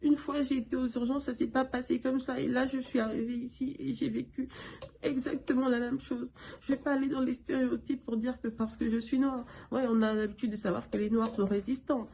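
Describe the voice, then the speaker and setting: A woman giving an emotional personal testimony, halting and stammering, indignant and near tears. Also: high voice, warm tone, slight background noise.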